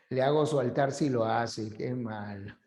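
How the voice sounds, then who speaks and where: Man, teacher lecturing slowly, chatty and questioning, echoey classroom. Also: medium pitch, darkish tone. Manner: conversational, asks students for agreement, acts out examples. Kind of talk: classroom lecture for admission exam prep.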